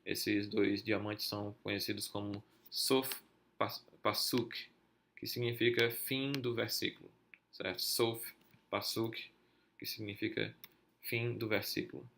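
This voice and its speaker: A man's voice: on the low side, level tone, unhurried, creaky, fairly bright tone, slight background noise. A man teaching a lesson for a podcast, explaining step by step with many filler sounds and checking "certo?" with listeners, in Brazilian Portuguese. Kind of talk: explaining Hebrew accents over a text.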